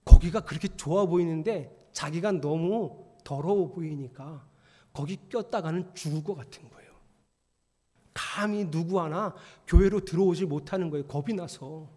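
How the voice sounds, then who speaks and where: High-pitched animated male preacher in a reverberant hall. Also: normal speed. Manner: animated, swings from loud exclamations to hushed whispers. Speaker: pastor. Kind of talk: sermon. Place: church sanctuary. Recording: long reverb of a church hall.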